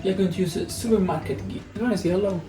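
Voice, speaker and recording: A man with an Italian accent, cooking at home and talking in a halting way, with many fillers. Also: high-pitched. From Italy. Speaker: home cook on a cooking vlog. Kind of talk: casual chat while cooking. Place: home kitchen. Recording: echoey kitchen with soft music.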